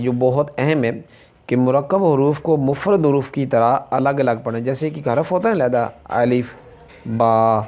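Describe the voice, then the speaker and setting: A man's voice: mid-range voice, mellow. A man with a Pakistani Urdu accent teaching a Quran reading lesson, opening with Arabic recitation and then spelling out letter names one at a time.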